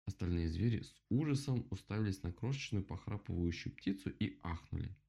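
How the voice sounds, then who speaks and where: A man reading a children's story aloud as narrator, expressive. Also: low voice, a little fast, gravelly.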